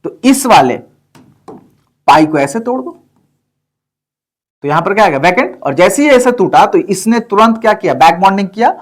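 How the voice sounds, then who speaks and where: High-voiced man teaching chemistry. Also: animated, normal speed, long pauses. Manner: repetitive, checks in with listeners often. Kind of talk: explaining on a whiteboard.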